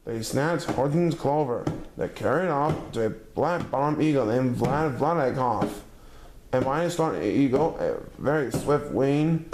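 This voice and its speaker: Guy reading a rhymey kids book out loud, steady rhythm, echoey room with hiss. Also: mid-range voice. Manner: measured, rhythmic read-aloud with occasional stumbles. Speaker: storybook reader. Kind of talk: reading a rhyming picture book aloud. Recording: echoey room with background noise.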